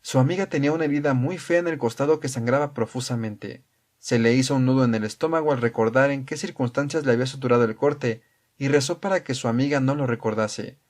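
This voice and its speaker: A man narrating an audiobook in a calm, measured reading style. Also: mid-range voice.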